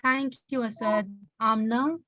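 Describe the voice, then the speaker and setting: A woman hosts a casual online volunteer coordination call by video, using many fillers and restarts. Her voice is a little high, steady and a little slow, and the recording is dry with the highs cut off.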